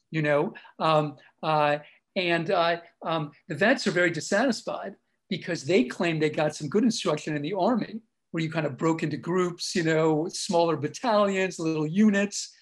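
Male academic guest, fairly high voice, rambling, filler-heavy answers. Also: rough recording. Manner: discursive, many fillers and restarts. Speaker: author and historian guest. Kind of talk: interview answers.

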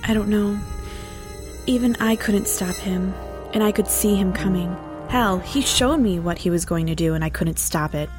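A male narrator voicing a young woman, a blunt psychic student, in a raised, high voice. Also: moderate pace, music in the background, natural voice. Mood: shaken. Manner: high put-on voice, blunt and commanding.

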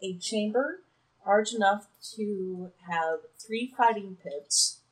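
Woman, tabletop player, low-pitched, slow, casual. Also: low-quality recording. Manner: relaxed recapping with fillers. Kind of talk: casual tabletop game chat.

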